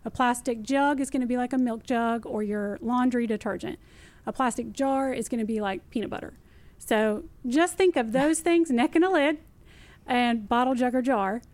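A woman walks listeners through what can be recycled. Her voice sits a little high, and she is chatty and animated, with lots of emphasis and repetition. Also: moderate pace. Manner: lively, emphatic, repeats key phrases. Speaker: city recycling guest expert. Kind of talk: casual explanatory interview talk.

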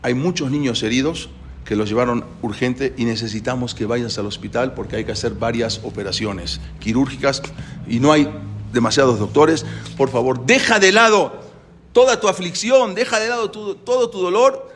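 A man's voice: mid-range voice, normal speed, a bit bright, slight background noise, close to an everyday voice. A man voicing a hospital coworker urgently begging a doctor to come help. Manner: urgent, pleading.

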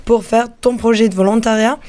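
Female guest, warm mellow tone, hesitant explainer. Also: on the high side, steady tone, brisk. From Spain. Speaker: guest, European volunteer. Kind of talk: radio interview answers.

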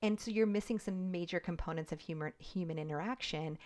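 A woman in her forties talks as a podcast guest, her voice sitting low. She reasons aloud in a relaxed, searching way, circling back to check that her listener follows. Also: brisk. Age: 40s. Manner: reflective, thinks aloud with frequent "like" and "right?". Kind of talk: conversational interview.

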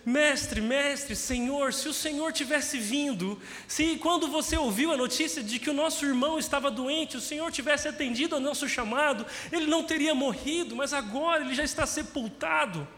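A man's voice: very high-pitched, normal speed, hardly any pauses, bright, forceful tone, voice pushed up. A man preaching voices a grieving woman pleading with her teacher, with repeated cries of address. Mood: pleading, tearful. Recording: long hall reverb.

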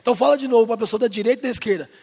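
A man's voice: very high voice, very fast, vocal fry, mellow, breathy edge. A man preaching a sermon as pastor, joking with and directly addressing the congregation at a church service. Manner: playful, jokes with and addresses the congregation. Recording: long hall reverb.

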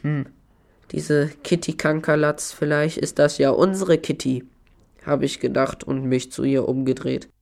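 A man's voice: on the high side, level tone, unhurried, vocal fry, darkish tone. An actor playing an eager, defensive young man telling a strange story in a children's audio drama. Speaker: Jan, the friend telling the story.

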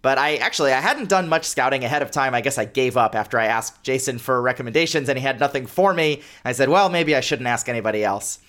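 Male host, 30s, mid-pitched, chatty and self-deprecating, solo podcast. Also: quick pace, hardly any pauses, a bit bright. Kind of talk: casual solo podcast monologue.

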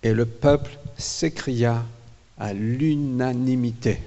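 A man with a gravelly, slightly fried voice preaches in short, punchy phrases, pausing after each for his interpreter. He turns dramatic and lively as he acts out the people's voices. The sound rings out through a reverberant church hall. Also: mid-range voice, lo-fi sound. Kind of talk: sermon with live interpreter.

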